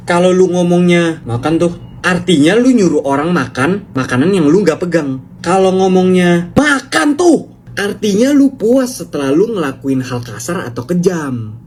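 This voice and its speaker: A man giving a casual explainer on word variations, rapid and playful with slangy speech. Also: high voice, a little hiss or hum. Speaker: language explainer video creator.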